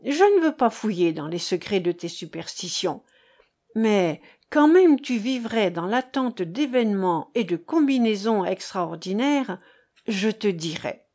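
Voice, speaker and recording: A woman's voice: medium pitch, expressive, unhurried, a little mellow. A woman reading the part of an earnest young man who comforts and reassures a troubled companion, in a storybook narration. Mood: earnest comforting.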